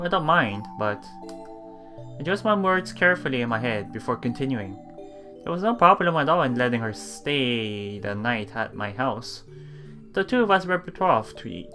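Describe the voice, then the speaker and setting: A mid-range, sharp voice belongs to a let's play streamer reading a visual novel, with game music behind. They reread lines when they stumble and murmur asides between passages.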